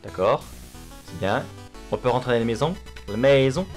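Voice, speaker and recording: A man's voice: medium pitch, animated, moderate pace. A man giving casual gameplay commentary, with sweary, self-mocking asides. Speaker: gamer commentating a playthrough. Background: game music.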